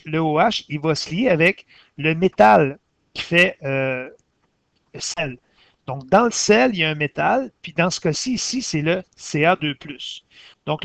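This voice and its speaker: Gravelly Quebec French science teacher. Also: male voice, fairly high pitch, fairly bright tone, dry recording. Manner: methodical, explains step by step, pauses to correct himself. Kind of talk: walking through exercise corrections.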